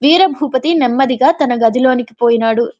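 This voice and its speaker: A woman with a voice that sits high reads an old literary novel aloud at a moderate pace, her tone warm. As storyteller, she pauses now and then to explain things in plain, casual talk. The audio is dull and lo-fi.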